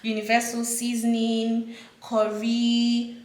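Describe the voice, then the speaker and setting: A woman's voice: on the high side, completely flat delivery, takes it slowly, darkish tone. A young woman from Nigeria, a student guest who chats in a rambling way while cooking in a home kitchen. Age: young adult. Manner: chatty, rambling, many "like" and "basically". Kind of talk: casual interview while cooking. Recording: echoey kitchen, camera from far off. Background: cutlery and pans clattering.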